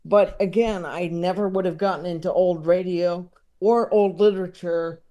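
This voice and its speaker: Here a comedy writer and filmmaker talks casually on a podcast, his high, dark voice moving at normal speed with fairly even intonation. He comes across as hesitant and rambling, and he's quick to put himself down.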